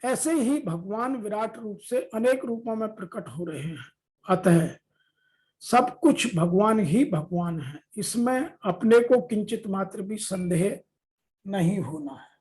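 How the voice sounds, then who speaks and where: A woman giving a scripture commentary, deliberately reading translations as measured lists. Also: medium pitch, expressive, darkish tone, poor audio. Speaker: Gita discourse teacher.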